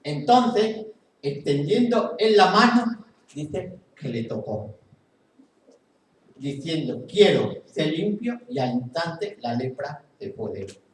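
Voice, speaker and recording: A man with a Spain Spanish accent preaches a sermon in a church hall, his voice sitting a little high for a man. The recording is very echoey and picked up from a distance, with faint room noise behind him. He leans on repetition, saying key phrases twice over. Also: animated, takes it slowly. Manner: repeats phrases for emphasis, earnest preaching. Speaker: pastor. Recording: very echoey hall, mic far off.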